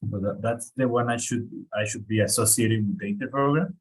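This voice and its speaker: A man's voice: on the low side, a little fast, husky, poor audio. A man, a course participant, asking hesitant questions with many restarts on an online call. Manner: hesitant, repeats words, many fillers. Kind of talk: online office hours question. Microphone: video call.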